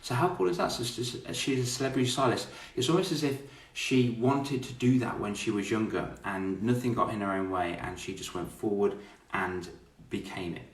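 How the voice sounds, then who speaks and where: A man's voice: lowish voice, normal speed, far from the mic. An English man hosting an online interview, upbeat and chatty, often repeating his words. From England. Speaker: host. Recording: echoey room, away from the mic.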